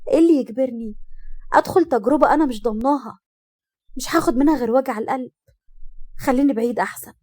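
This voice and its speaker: A woman's voice: sits high, fast, long pauses, a little mellow. A woman voicing a wary 28-year-old woman who defends her reasons, in an Egyptian accent. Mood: guarded.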